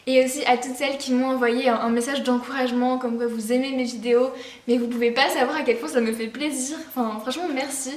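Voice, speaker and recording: A woman's voice: high voice, steady tone, fast, roomy sound, far from the mic. A teenage girl chatting in a casual gift-haul vlog, bubbly and rambling, with lots of fillers and restarts. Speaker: vlogger.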